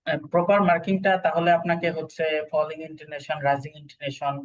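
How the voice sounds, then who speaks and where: A male tutor teaches an online class over a video call. His voice sits a little high, and he walks students through each point, often asking if they follow. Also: steady tone, quick pace, rough recording. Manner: explains step by step, checks understanding often. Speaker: PTE exam instructor.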